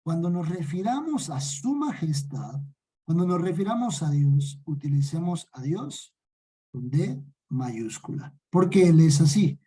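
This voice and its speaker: A man with a Mexican accent teaches a Bible study class, putting questions to his listeners and answering them himself. His voice is very dark and mellow, with a slightly husky edge. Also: on the high side, very animated, a little slow, rough recording. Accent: Mexican Spanish. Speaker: discipleship teacher.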